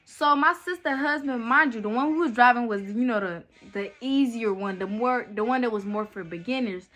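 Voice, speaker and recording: A young woman with a bright, ringing voice tells a storytime to her viewers. She talks in a loose, chatty way and keeps turning to the audience. Her voice sits a little high. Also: moderate pace. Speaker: vlogger telling a story. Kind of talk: casual storytime chat.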